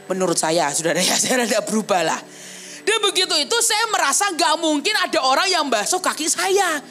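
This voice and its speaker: A young adult woman evangelist giving a sermon at a church service. She tells her own story in a vivid, animated way and keeps turning to address the congregation. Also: high voice, a little fast, faint music behind. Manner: animated storytelling, often addressing listeners as brothers and sisters. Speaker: evangelist preacher. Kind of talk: testimony sermon.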